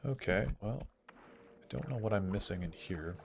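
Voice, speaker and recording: A man's voice: sits low, animated, normal speed, gravelly, a little hiss or hum. A young man streaming a game live, chatting casually and thinking aloud with lots of "like" fillers as he answers chat. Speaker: gaming streamer.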